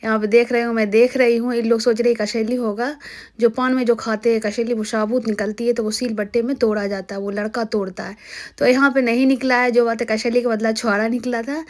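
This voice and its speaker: A young woman from Bihar narrates her vlog in a slightly high voice. She talks to her viewers in a casual, chatty way, explaining each step as it happens. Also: steady tone, a little fast, darkish tone. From Bihar, India. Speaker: vlogger.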